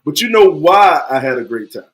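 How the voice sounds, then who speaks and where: A man in his forties hosting a podcast, chatting casually, animated and joking, repeating himself often. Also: fairly high pitch, normal speed, low-quality recording. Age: 40s. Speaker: podcast host.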